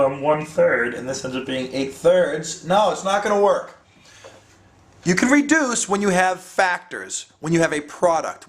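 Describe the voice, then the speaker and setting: Playful male math teacher, slightly high voice. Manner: playful, jokey, talks to students as dudes; thinks aloud with many ums and rhetorical questions. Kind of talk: casual video math lesson.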